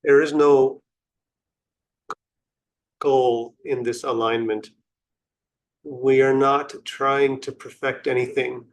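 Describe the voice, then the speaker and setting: A man guides a meditation in an unhurried, contemplative, instructional way, leaving long pauses between short phrases. His mid-range voice has a flat delivery.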